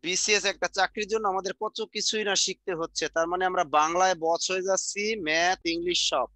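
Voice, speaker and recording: A middle-aged man teaching an exam-prep grammar lesson, repeating sounds slowly and quizzing the class. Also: sits high, steady tone, pushed and bright, no room sound. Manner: repetitive, drills sounds out slowly, asks the class questions.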